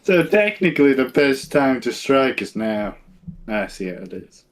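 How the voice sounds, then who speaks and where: A man's voice: medium pitch, big pitch swings, measured pace. A man chatting casually as a player at a tabletop role-playing game.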